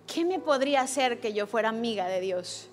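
A woman pastor preaching a sermon, telling a lively personal story and acting out quoted lines. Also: a little high, normal speed. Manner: animated storytelling with acted quotes.

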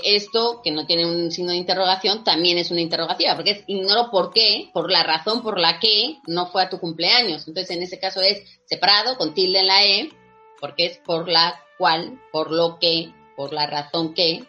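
A woman's voice: lowish voice, moderate pace, bright, forceful tone, muffled recording, soft background music. A woman, hosting a quiz and explaining spelling patiently with many fillers. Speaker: host leading a spelling quiz. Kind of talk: teasing quiz-style explanation.

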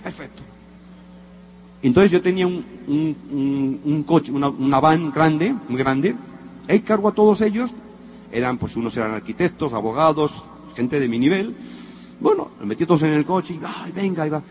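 A man's voice: a little high, moderate pace, highs cut off, slight background noise. A middle-aged man from Spain with a Spanish accent, giving a motivational talk as a story and acting out the dialogue to his audience. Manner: animated storyteller acting out dialogue, addressing listeners directly. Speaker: motivational speaker.

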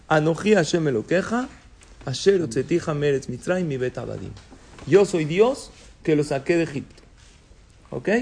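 A man's voice: fairly high pitch, warm tone, breathy edge. Man teaching a casual religious class. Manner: conversational, asks students questions and jokes. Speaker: Torah teacher.

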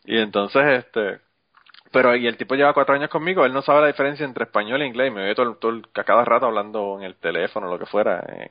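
A man's voice: medium pitch, fast talker, dry recording, dull audio. Profane storytelling man on a podcast. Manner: profane, storytelling, laughs often. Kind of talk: casual chat.

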